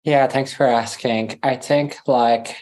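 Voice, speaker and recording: In a slow, medium-pitched voice, an Iranian man who grew up speaking Farsi relates his story during a conversational podcast interview. He's an animated storyteller who voices his own earlier dialogue and breaks into laughter often.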